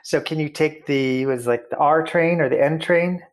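A man's voice: fairly high pitch, moderate pace. A man hosting an interview podcast, asking questions in a friendly, joking, casual way. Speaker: podcast host.

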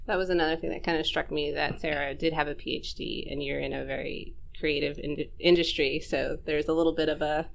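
A woman's voice: deep voice, fairly even intonation, fairly quick, creaky, few pauses, a little hiss or hum. A woman hosting an interview, asking questions in a friendly, chatty way and often laughing. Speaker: interviewer host. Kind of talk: conversational interview.

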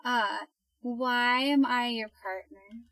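A woman's voice: a little high, slow, a bit bright, no room sound, faint music behind, low-quality recording. A young woman co-hosting a podcast, chatting in a casual, teasing way and laughing often. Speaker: podcast co-host.

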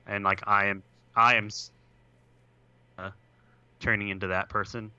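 A young man co-hosting a podcast chats casually over a computer video call whose audio keeps breaking up. His voice is lowish and sharp yet smooth, with little pitch movement and a measured pace, and he rambles with plenty of "like" and "uh". The audio is dull, with no room sound.

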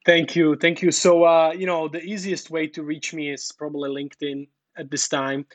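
A podcast guest from the talks in a relaxed, rambling way, padding his points with fillers. His voice sits fairly high with little melody, and the recording is dry and close. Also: moderate pace, dry recording. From Czech Republic. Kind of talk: casual interview talk.

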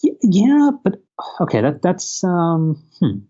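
A man co-hosting a casual podcast in a hesitant, halting way, repeating words, over a low-quality internet call. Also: wildly swooping pitch, dark tone, breathy edge, highs cut off. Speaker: podcast co-host. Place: hotel room, remote call.

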